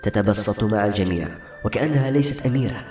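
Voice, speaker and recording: A man voicing a bold, clever knight of twenty-eight who speaks bluntly and gruffly. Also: lowish voice, quick pace, a little mellow, close to an everyday voice. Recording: roomy audiobook recording, faint music.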